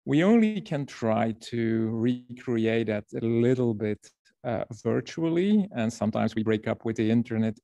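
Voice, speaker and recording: Gravelly-voiced man from Belgium presenting. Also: mid-range voice, dark tone, dry recording. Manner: storytelling, explanatory, repeats words. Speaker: workshop presenter. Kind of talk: presenting to a video call workshop. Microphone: video call.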